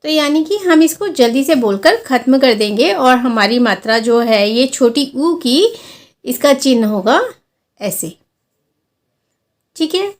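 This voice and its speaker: Woman, language teacher, high pitch, patient step-by-step explanation, stretched-out example words. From India. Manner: slow, careful explanations, drawing out sample words to show long and short vowels. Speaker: Hindi teacher. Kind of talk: classroom-style lesson explaining vowel signs.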